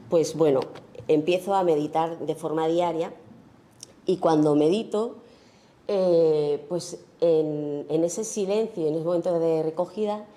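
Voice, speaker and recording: Speaking at a festival about her photography, a woman from Spain gropes toward each idea in a low, soft, dark, and mellow voice. Her informal lecture is full of fillers and rhetorical tag questions.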